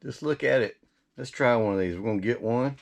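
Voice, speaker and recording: A man's voice: mid-range voice, a little fast, vocal fry, very noisy. A man giving a casual recipe demonstration as a cooking host, folksy and chatty, often half talking to himself.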